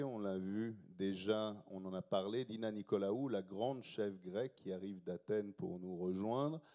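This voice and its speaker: Stage host, man, low mellow voice, rushed and improvising. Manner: hurried, improvising, self-interrupting. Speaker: festival panel host. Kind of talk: live stage introduction. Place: festival stage.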